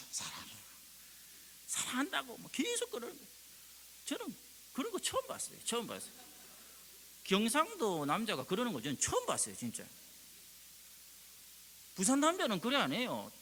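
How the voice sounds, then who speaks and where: Animated preacher in a reverberant church. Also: male voice, creaky. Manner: animated, acts out prayers and quotes with sudden rises in pitch and volume. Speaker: pastor. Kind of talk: sermon. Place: church sanctuary. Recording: long reverb with faint hiss.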